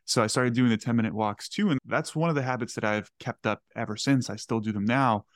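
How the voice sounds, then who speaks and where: A man's voice: medium pitch, a little fast, no echo, clean studio sound. A man in his twenties hosting a podcast from his home kitchen, eager and earnest, often repeating words. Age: 20s. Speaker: podcast host. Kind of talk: podcast interview.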